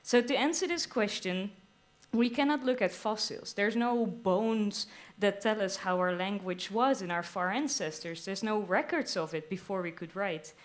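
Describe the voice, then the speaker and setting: A woman's voice: mid-range voice, normal speed. A young adult woman presents her research on stage at a science slam. She explains with enthusiasm and drops playful quoted asides. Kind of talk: lively explanatory stage talk. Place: live stage at a theater venue.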